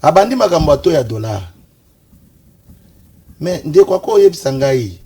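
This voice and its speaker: A man's voice: a little high, very animated, normal speed, warm tone, husky. A man from Kinshasa giving insistent political analysis in a talk-show debate. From Congo, Kinshasa. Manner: insistent, analytical, pushes back when interrupted. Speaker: political commentator.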